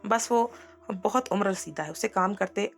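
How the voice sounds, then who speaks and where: A woman's voice: medium pitch, moderate pace, vocal fry, natural voice. A woman reading the lines of an uneasy, evasive younger sister in a storybook reading. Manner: evasive, insistent.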